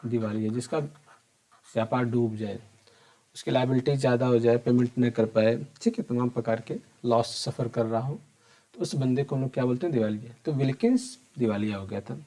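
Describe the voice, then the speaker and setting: A man with a dark, medium-pitched voice gives an exam-prep accounting lecture. Speaking conversationally and directly to his students, he keeps posing questions, answers them himself, and goes back over the key points.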